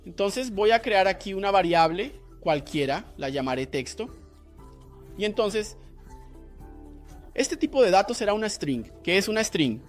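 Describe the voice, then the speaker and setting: A man's voice: high-pitched, expressive, a little slow, pauses often, soft background music. A man teaching a coding lesson, explaining each step and asking rhetorical questions to the viewer. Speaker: programming instructor. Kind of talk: screen-recorded coding lesson.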